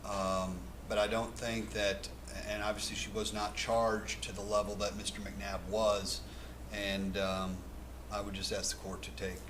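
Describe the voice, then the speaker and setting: A man speaking as a defense attorney, making a hesitant, measured plea to the court. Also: on the low side, little pitch movement. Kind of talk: halting plea for leniency in court. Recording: noisy courtroom microphone.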